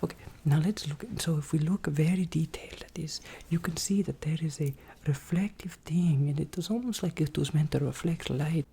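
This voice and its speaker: A woman voicing an eccentric, boastful, excitable vampire in a theatrical, rambling ASMR ASMR role-play, slipping in and out of a breathy soft voice. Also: low-pitched, slight background noise. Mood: defensive, chatty. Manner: theatrical, chatty, rambling, drawn-out exclamations. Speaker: ASMR performer.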